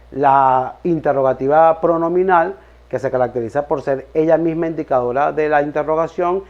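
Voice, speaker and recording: A young man, a law student, reading a class presentation aloud from a script, listing terms one by one in a steady voice. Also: mid-range voice, lo-fi sound. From Venezuela.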